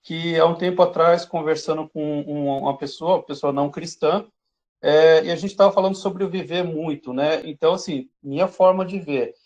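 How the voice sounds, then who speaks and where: A man taking part in a church class discussion, thinking aloud in a reflective way with pauses. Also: fairly high pitch, steady tone, a little mellow, lo-fi sound. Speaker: class participant.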